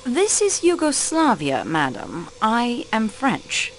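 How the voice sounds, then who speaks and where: A woman playing a patient, courteous investigator for a detective, asking questions in a formal, calm way. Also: a little high, slow, a little hiss or hum, heavily acted. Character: polite, patient assistant to a French detective.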